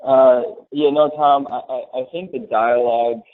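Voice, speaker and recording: A man on a webinar panel, explaining grid security in a plain, steady way. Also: medium pitch, moderate pace, no echo. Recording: tinny phone-like line, dry.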